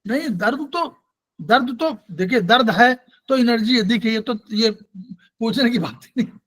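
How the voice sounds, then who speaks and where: A man with a very high voice teaches an acupressure class in a patient, explanatory way. He keeps checking on his students with questions and restarts his sentences often. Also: expressive, unhurried, a bit bright. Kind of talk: online class lecture.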